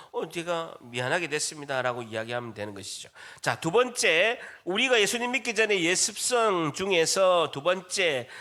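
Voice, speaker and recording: Male pastor, sermon delivery, high bright voice, animated call-and-response style. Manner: call-and-response preaching, asking the congregation questions. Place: church sanctuary.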